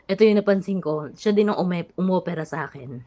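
A woman's voice: on the low side, fairly quick, mellow. A Filipino woman talking casually on a live vlog, short of breath and strained after thyroid surgery, chatty with many fillers. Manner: chatty, frequent fillers and restarts. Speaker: vlogger.

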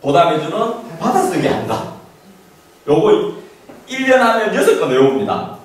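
In a small classroom with lots of echo, an animated middle-aged man lectures parents informally about how to study. He speaks at a moderate pace in a voice on the high side, making emphatic points and posing rhetorical questions. Though he holds a handheld mic, the recording comes from a faraway camera and picks up background noise.

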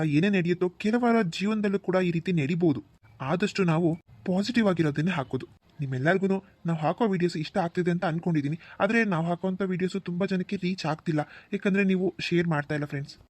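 Channel creator outro: a man with a slightly high voice, friendly and pleading. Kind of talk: casual appeal to viewers.

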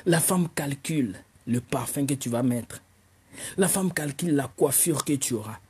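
A man's voice: mid-range voice, expressive, normal speed, darkish tone, husky. A man performing a stand-up comedy monologue, mocking and teasing his audience.

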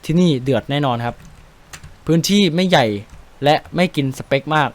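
A young man with a Thai accent giving casual gameplay commentary, chatty and excitable, swearing casually while he explains tactics. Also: on the high side, normal speed. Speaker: game streamer.

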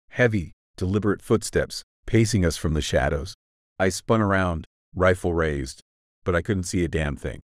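A man with a very low, deep voice tells a horror story in the first person, grave and full of suspense. The recording is close and completely dry, with no room sound at all. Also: no room sound. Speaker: narrator.

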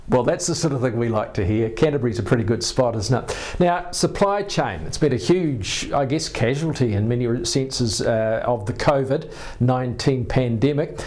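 A man's voice: mid-range voice, moderate pace, few pauses, darkish tone. Older New Zealand man, studio TV host, easy conversational presenter. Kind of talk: TV interview hosting.

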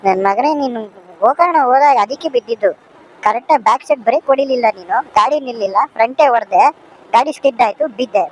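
A man's voice: very high-pitched, fast talker, voice pushed up, poor audio. A man voicing a cheeky talking motorbike that scolds its rider in a comic motovlog sketch. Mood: scolding. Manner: bossy, scolding, talks back.

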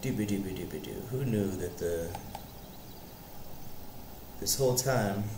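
A man's voice: fairly low pitch, measured pace, background noise. A man casually chatting to himself on a live game stream while he tests his webcam microphone, speaking from a home setup. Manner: talks to himself while testing his mic, loose and playful. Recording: echoey room with game sound behind.

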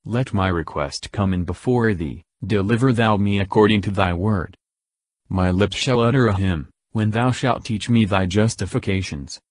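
A man with a lowish voice reads the Psalms aloud, verse by verse, in a measured and solemn way. The sound is dry and close, with no room around it. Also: dry recording. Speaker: scripture reader.

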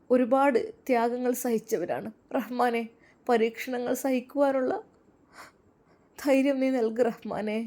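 A woman's voice: a little high, warm tone. A woman voicing a grieving devout young mother who pleads and sobs in prayer.

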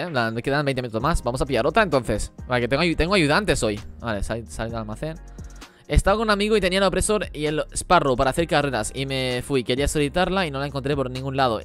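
A man streaming a game live, talking rapidly as he reads and answers the chat. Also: mid-range voice, a bit bright, soft background music. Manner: rapid-fire talk while reading chat. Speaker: gaming streamer.

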